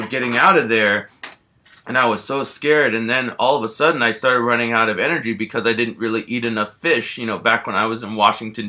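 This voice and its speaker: A man playing a big, gentle grizzly bear who tells a rambling first-person story, packed with fillers and easily frightened. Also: on the low side. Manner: rambling, constant "you know" fillers.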